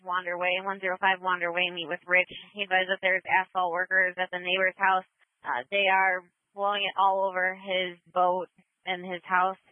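A woman working as a police dispatcher, relaying calls over a police radio in brisk, clipped codes. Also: fairly low pitch, monotone, no room sound. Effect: police radio transmission. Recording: tinny, dry two-way radio.

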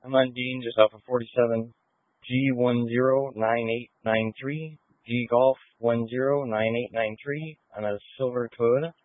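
A man's voice: mid-range voice, fairly even intonation, normal speed, dry recording. A man working as a patrol officer, calling in locations and plates in terse radio phrases. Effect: two-way radio. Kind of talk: terse radio call-ins. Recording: tinny narrowband police radio audio.

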